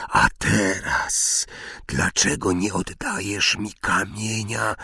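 A man voicing a cruel, hissing dark lord's ghostly face in a whispered role-play, sneering and half-whispered. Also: lowish voice, slightly rough, no room sound, clean studio sound, exaggerated voice.

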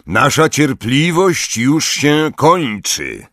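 A man voicing a stern, proud male centaur leader in an audiobook, speaking calmly and solemnly. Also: medium pitch, very slow, no room sound, studio quality, pitched above the performer's own voice, heavily acted.

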